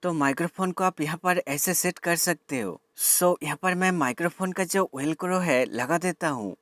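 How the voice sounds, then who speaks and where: A man reviewing tech gives an instructional installation walkthrough, greeting viewers as friends and sprinkling in English words. His voice is a little high and fairly bright at normal speed, with soft background music playing.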